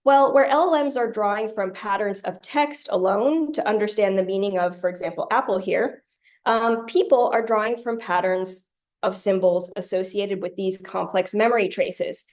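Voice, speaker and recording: A woman's voice: medium pitch, moderate pace, a little mellow. Woman giving an academic lecture. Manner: clear, explanatory, lightly humorous asides. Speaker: conference tutorial presenter.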